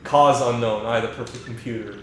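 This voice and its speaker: A man voicing a stiff, monotone male laboratory computer while reading game dialogue aloud. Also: medium pitch, a little fast, very echoey, slight background noise, natural voice, low-quality recording. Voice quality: flat monotone.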